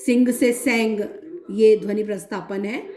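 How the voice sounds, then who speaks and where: A woman lecturing on linguistics in a methodical way, explaining with many examples and pausing often. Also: medium pitch, steady tone, a little mellow, echoey room. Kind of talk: recorded academic lecture.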